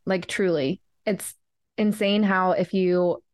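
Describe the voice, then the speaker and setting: A woman's voice: fairly low pitch, steady tone, takes it slowly. A young woman co-hosting a casual podcast. She is upbeat and talkative and laughs easily. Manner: upbeat, chatty, laughs often. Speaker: podcast co-host. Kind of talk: casual chat.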